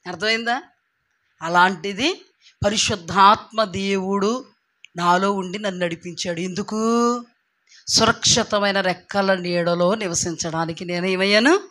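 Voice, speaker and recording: A woman's voice: medium pitch, unhurried, long pauses. A young woman with a Telugu accent giving a sermon, telling her own testimony and acting out the voices of the people in it. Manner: animated storytelling, acting out quoted voices. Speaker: preacher.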